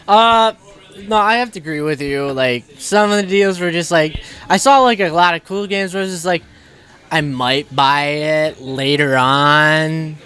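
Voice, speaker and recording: A man's voice: fairly high pitch, bright, forceful tone, clean tone. A young man co-hosting a casual gaming podcast, laughing often, sniffly with allergies. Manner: laughing, talking while eating. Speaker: podcast co-host. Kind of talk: casual chat.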